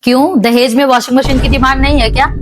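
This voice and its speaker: Comedy sketch: a woman as a defiant, sarcastic young bride, fairly high voice. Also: steady tone, fast talker, natural voice. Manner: sarcastic, cheeky retorts. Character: sassy young bride, sharp-tongued and defiant.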